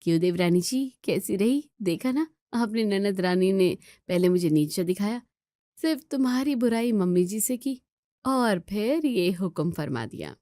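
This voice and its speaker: A woman's voice: medium pitch, lively intonation, a little slow, warm tone, no room sound, studio quality, close to an everyday voice. A woman voicing a tired elder daughter-in-law with a sardonic edge.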